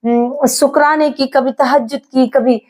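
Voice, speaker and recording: A woman's voice: high voice, steady tone, a little slow, darkish tone. A woman preacher giving an earnest religious sermon, telling a story and addressing listeners as dear brothers.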